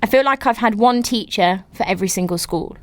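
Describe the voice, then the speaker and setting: A woman's voice: medium pitch, a little fast. A woman hosting a podcast, reading listener stories aloud and reacting to them with giggles and exclamations. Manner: animated, giggly, exclaims often. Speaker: podcast host.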